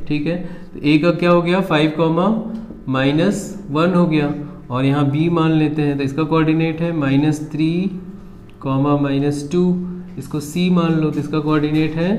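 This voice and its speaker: Male maths teacher, fairly high voice, echoey room, walks students through each step. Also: a little mellow. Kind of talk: board-exam maths lesson.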